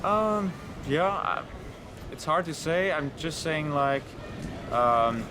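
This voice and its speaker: A man's voice: a little high, animated, slow pace. Man chatting on a noisy street. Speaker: tourist interviewee. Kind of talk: casual street interview. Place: outdoors by a city river. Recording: street noise outdoors.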